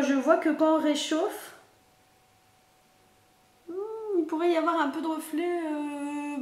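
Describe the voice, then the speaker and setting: Chatty high-voiced woman, echoey room. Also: darkish tone, a little hiss or hum. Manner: chatty, many fillers, thinks aloud. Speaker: beauty vlogger. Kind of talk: casual product unboxing and swatching.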